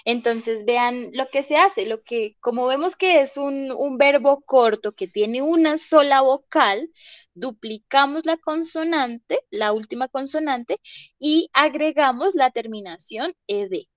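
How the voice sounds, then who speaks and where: A woman's voice: sits high, animated, unhurried, dry recording. A young woman teaching an online English grammar class, patiently checking that students follow along.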